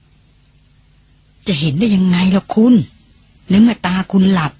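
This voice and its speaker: A man reading a gentle, caring young woman tending a patient, speaking softly and soothingly. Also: sits high, takes it slowly, breathy edge, dry recording, exaggerated voice. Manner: soft, soothing, hushed.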